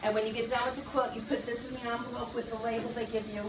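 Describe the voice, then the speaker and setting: A woman's voice: a little high, flat delivery, very fast, background noise. Woman, tour guide, informal explanations, distant microphone, echoey warehouse. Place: large indoor warehouse. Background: loud warehouse ambience.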